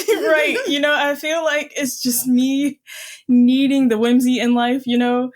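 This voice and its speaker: A young woman co-hosts a podcast in casual chat, her high voice steady in tone and measured in pace. She giggles, rambles, and uses plenty of fillers.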